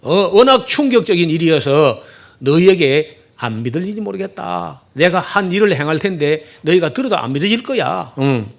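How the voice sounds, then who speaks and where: A man's voice: fairly high pitch, very animated, moderate pace. A middle-aged man preaching a sermon, animatedly acting out the prophet's complaints with rhetorical questions. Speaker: pastor. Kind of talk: expository sermon.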